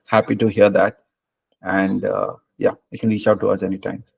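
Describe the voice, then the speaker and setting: A man wraps up a webinar over a video call, talking in a relaxed way with plenty of fillers and pauses. His voice has a gravelly edge, and the audio sounds muffled and lo-fi. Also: lowish voice. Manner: relaxed, many fillers, hesitant phrasing. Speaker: webinar host. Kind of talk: casual webinar Q&A and wrap-up.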